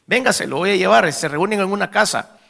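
An insistent young street guide, pressing and coaxing in a raised, bright voice with a Salvadoran accent, as a preacher puts him on. He keeps urging the listener along. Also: high-pitched, animated, fairly quick, gravelly, full character voice.

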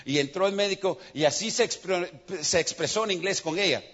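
High, husky man preaching. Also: brisk, highs cut off. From United States. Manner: animated storyteller, changes voice for characters. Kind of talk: sermon with storytelling.

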